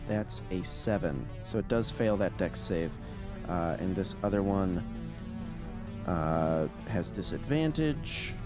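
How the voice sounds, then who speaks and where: A man running a tabletop role-playing game, narrating deliberately and with suspense as game master. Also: deep voice, lively intonation, music in the background.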